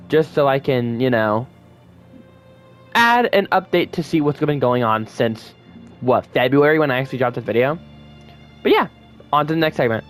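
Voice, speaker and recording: A man giving casual online commentary, rambling with frequent self-corrections. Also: mid-range voice. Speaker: YouTube commentator.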